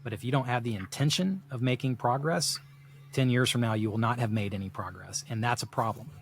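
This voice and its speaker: Faint music plays behind a middle-aged man from South Texas talking on a podcast in a mid-range voice at a fairly quick pace. His casual discussion is rambling and reflective, thick with "you know" fillers.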